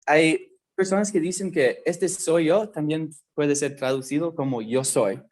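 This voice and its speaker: A man giving a casual Bible lesson, talking slowly and conversationally and checking in with his listeners often. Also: a little high, darkish tone. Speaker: youth Bible teacher.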